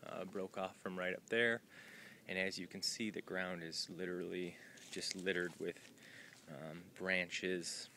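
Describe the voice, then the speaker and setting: A man with a very low, bright, forceful voice talks into a handheld camera outdoors in the woods. He rambles casually, full of "uh" and "um". Faint outdoor noise sits behind him. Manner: rambling and informal, with many "uh" and "um" fillers. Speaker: thru-hiker vlogging his trail day. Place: outdoors at a trail shelter in the woods.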